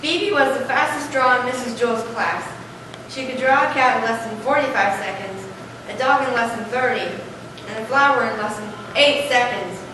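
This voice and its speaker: Speaking at a normal speed in a natural, fairly high voice, a young adolescent girl serves as student narrator in a school readers theater play, reading from a script. The stage recording sounds distant, echoey and noisy.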